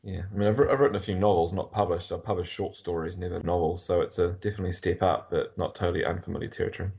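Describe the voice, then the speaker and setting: A man's voice: sits low, steady tone, rapid-fire, creaky, darkish tone, husky. A man who writes novels, chatting as a guest in a friendly way. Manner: friendly, laughs easily. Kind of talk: casual chat.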